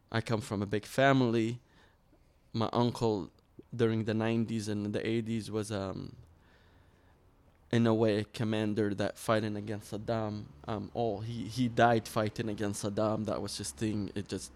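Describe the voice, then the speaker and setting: In a lowish, slightly mellow voice with fairly even intonation and normal speed, an earnest Iraqi man in his 30s shares his story as an interview guest.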